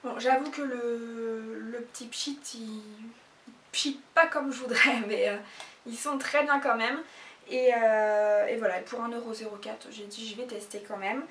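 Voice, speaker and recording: A woman's voice: a little high, steady tone, measured pace, a bit bright. A woman chatting casually in a haul video, hesitating often with fillers. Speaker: YouTuber. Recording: echoey room, mic at a distance.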